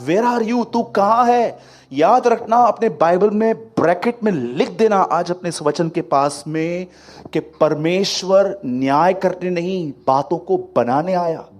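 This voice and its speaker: Animated preacher delivering a sermon. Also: male voice, high-pitched. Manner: lively storytelling, acting out quotes, swings from loud to hushed. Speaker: pastor.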